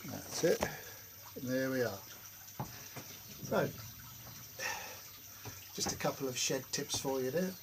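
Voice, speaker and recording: A man's voice: medium pitch, expressive, takes it slowly, gravelly, long pauses, noisy background. A man vlogging casually from his home workshop shed, telling jokey, self-mocking stories to the camera. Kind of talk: casual rambling chat to camera.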